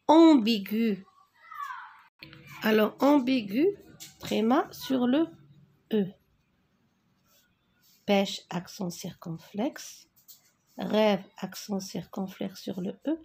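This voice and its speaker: Slow, husky woman teacher. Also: medium pitch, a little mellow. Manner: slow, dictating spelling, repeats words. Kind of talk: worksheet correction lesson.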